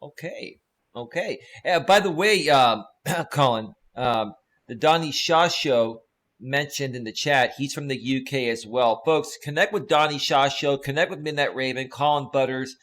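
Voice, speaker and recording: Male host for a casual live interview show, medium pitch, opinionated, emphatic and repetitive. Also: measured pace, fairly bright tone.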